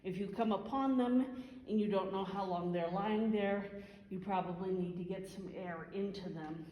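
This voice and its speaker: A woman instructor giving an informal hands-on first aid demonstration, explaining step by step and halting as she thinks. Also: mid-range voice, mellow. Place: large reverberant room. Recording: echoey hall, faint background noise.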